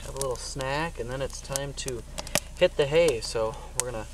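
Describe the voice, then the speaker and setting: A man's voice: medium pitch, normal speed, background noise. A young man talking upbeat and friendly to the camera from a campsite and a small tent, recorded on a camera mic. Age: young adult. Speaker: camping vlogger. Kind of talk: casual vlog to camera. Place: truck bed tent and campsite outdoors.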